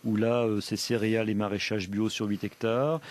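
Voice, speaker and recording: A man's voice: on the low side, level tone, moderate pace. A man hosting a radio interview, asking questions and adding chatty, conversational asides. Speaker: radio host.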